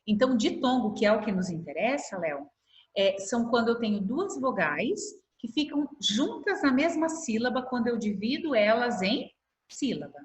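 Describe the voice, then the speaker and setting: Patient Brazilian teacher on an echoey call. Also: female voice, a little high, big pitch swings. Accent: Brazilian Portuguese. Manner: patient, stretches words slowly to spell them out. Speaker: primary school teacher. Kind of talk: online class explanation. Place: home room on a video call. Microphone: laptop mic on video call. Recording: echoey video-call audio.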